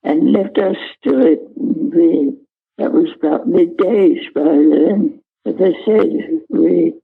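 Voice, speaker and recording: Halting, husky old veteran, remembering. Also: male voice, fairly high pitch, phone-quality sound. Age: elderly, 90s. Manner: understated, matter-of-fact. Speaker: war veteran being interviewed. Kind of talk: unscripted interview reminiscence.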